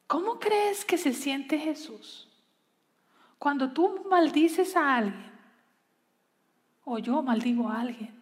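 A woman preaching a sermon in an earnest way, pausing and slowing down to stress her points. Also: sits high, big-room sound. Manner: earnest, pausing, slows for emphasis.

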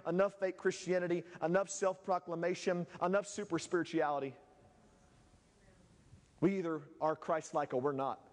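A man's voice: high-pitched, big-room sound. A man preaching a sermon as pastor in his church, impassioned and repetitive, building to fervent peaks. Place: church sanctuary.

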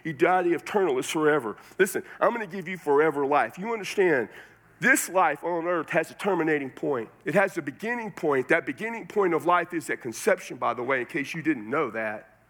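A man's voice: on the high side, animated, brisk, a bit bright. Folksy Texan man preaching. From Texas. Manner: folksy, conversational preaching with colloquialisms. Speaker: pastor. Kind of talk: sermon.

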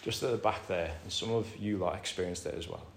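A British man delivers a chatty sermon to his congregation, calling them "folks". His voice rises to loud emphatic lines, then drops to soft, quiet asides. It rings through a roomy church hall over a faint background hum. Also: deep voice, brisk. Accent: British English. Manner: conversational preaching, calls the congregation "folks". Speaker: pastor.

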